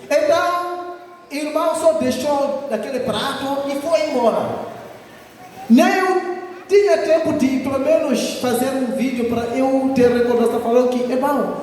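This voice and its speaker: High-voiced Mozambican preacher in echoey hall. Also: male voice, slight background noise. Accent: Mozambican Portuguese. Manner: animated storytelling with laughter and exclamations. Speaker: visiting missionary preacher. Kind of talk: sermon testimony. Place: large echoey church hall. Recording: echoey hall, distant mic.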